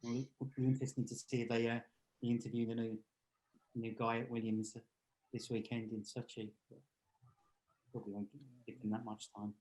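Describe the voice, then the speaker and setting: A man's voice: medium pitch, flat delivery, brisk, pauses often, a little mellow, low-quality recording. Jokey middle-aged man. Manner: chatty, jokey, laughs often. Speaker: podcast co-host. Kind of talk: casual chat.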